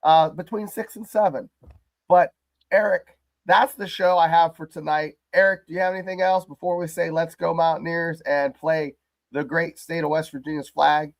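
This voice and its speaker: A male host with a hoarse, crackly voice worn down by the flu. He chats loosely and jokingly about his team in a rambling livestream style. The sound is dry and close, with little room echo. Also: fairly high pitch, steady tone, normal speed. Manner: rambling and jokey. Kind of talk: casual livestream sports chat.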